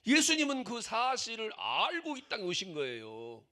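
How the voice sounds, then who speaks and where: A man's voice: high-pitched, huge pitch swings, normal speed, sharp tone. An older man preaching a sermon as pastor, emphatic, with many repeated rhetorical questions.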